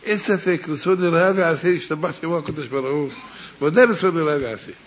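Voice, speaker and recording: A man preaching a Torah sermon and telling a parable, swinging between hushed and raised delivery, addressing his listeners directly. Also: fairly high pitch.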